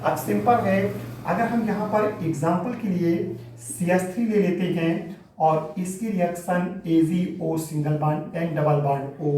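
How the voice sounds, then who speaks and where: In a classroom lecture, a man with a rather high but dark-toned voice walks through a chemistry reaction step by step, calling his students "beta" and testing their understanding with rhetorical questions. The mic sits back from him in an echoey room with faint ambience.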